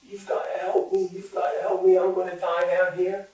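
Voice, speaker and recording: A man's voice: fairly high pitch, moderate pace, a little mellow, voice pushed up, natural voice. A man voicing a panicked, trapped man who begs frantically for help. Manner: frantic pleading, raised voice. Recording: very echoey room, far from mic.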